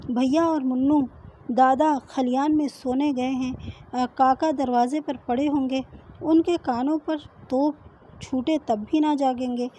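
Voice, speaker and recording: A woman's voice: high voice, steady tone, dark tone, slight background noise, natural voice. A woman reading aloud the part of a stubborn, defiant young village wife who speaks boldly and insistently. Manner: bold, insistent.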